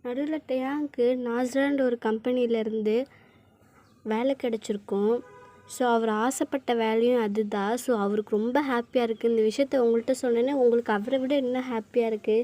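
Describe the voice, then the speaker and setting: Female storyteller, casual second-person narration, high voice. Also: steady tone, moderate pace, dark tone. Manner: casual, addressing listener as you. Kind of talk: spoken fan-fiction narration.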